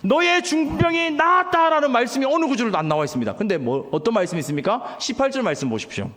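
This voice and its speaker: A man's voice: high-pitched, very animated, very fast. A man preaching as pastor to his congregation, delivering an emphatic sermon with questions that he has the crowd answer back. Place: church sanctuary. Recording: long hall reverb.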